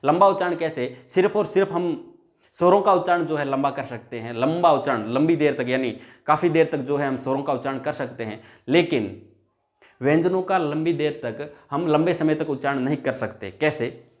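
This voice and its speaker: A man's voice: fairly high pitch, normal speed. A male teacher giving a classroom lesson, repeating each point and drawing out example sounds, calling viewers his friends. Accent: Hindi.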